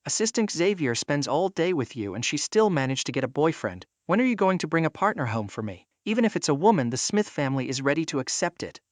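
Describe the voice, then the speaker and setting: A man's voice: a little high, very animated, quick pace, hardly any pauses, no echo. A man reading the lines of a nosy, novel-loving old grandmother in a story recap, fussing and pleading.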